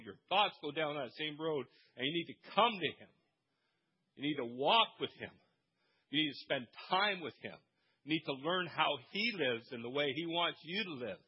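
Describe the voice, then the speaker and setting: Man preaching a sermon, somewhat high voice, husky, animated, dull lo-fi recording. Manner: animated preaching, shouting the calls, joking asides. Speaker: pastor.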